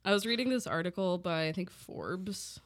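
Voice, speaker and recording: A woman's voice: lowish voice, normal speed, dry recording, studio quality. A young adult woman co-hosting a podcast, talking in a casual chat and ranting bluntly with lots of swearing. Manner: blunt, swears freely, animated rants. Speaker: podcast co-host.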